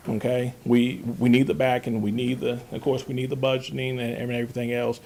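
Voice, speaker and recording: A man from Kansas speaks up at a county hearing, his voice gravelly and dark. He pleads earnestly, tripping over restarts and repeating words as he goes. His pitch stays flat and steady through it all. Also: a little fast. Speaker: community member giving public comment. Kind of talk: public comment at a budget hearing. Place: county meeting room.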